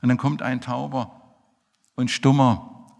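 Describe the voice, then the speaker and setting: A man preaching a sermon in a church, emphatic, swinging between loud outbursts and low murmurs. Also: flat delivery, slow, vocal fry. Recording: echoey hall reverb.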